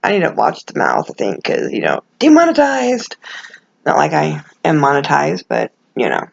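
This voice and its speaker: A woman's voice: low voice, sing-song, moderate pace, vocal fry, muffled recording, a little hiss or hum. A middle-aged woman chatting casually as a vlogger, rambling and self-deprecating, with gummy, toothless articulation and no dentures in. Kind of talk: casual chat to camera.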